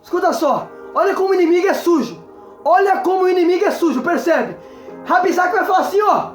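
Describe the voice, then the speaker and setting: A man's voice: very high voice, lively intonation, quick pace. A man with a Brazilian Portuguese accent preaching a sermon as an evangelist, repeatedly urging his listeners to pay attention. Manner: exhorting, repeats calls to listen. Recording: echoey room with faint music.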